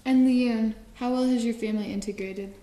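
Mellow woman interviewer in a roomy space. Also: fairly high pitch, fairly even intonation, normal speed. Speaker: interviewer and presenter. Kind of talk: scripted interview questions. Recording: roomy echo.

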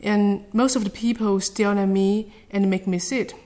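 This is a woman from China, a native Chinese speaker, answering interview questions. Her delivery is earnest and careful, with some halting restarts. Her pitch sits in the middle range. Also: fairly even intonation, warm tone.

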